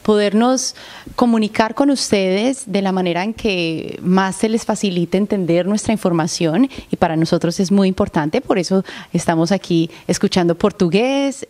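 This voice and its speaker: A woman's voice: mid-range voice, a little mellow. A woman, hosting a conversational podcast interview in an enthusiastic, encouraging way. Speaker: podcast host.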